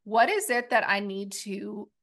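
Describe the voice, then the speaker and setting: A woman's voice: mid-range voice, animated, unhurried, fairly bright tone. Earnest woman co-hosting a faith podcast. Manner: earnest, reflective, speaks to listening moms. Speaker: podcast co-host. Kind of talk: faith-based business podcast chat.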